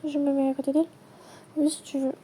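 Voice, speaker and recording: A woman acting out a playful toy role-play, switching quickly between many characters in chatty everyday dialogue. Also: sits high, level tone, dark tone, a little hiss or hum. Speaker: channel creator voicing every character.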